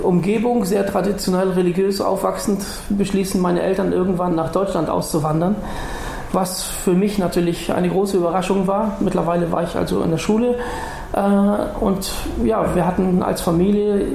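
A man's voice: high voice, creaky, a little mellow, slight background noise. A man from North Africa giving a public lecture to an audience, recounting his own faith story in an earnest, explaining way. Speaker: guest speaker. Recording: roomy hall with faint ambience.

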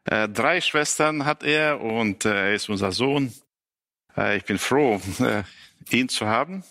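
Guy in his 60s, bright forceful voice, lots of uhs, church panel intro. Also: medium pitch, no room sound, studio quality. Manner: halting, many filler sounds. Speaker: panel guest, pastoral counselor. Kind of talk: casual panel talk.

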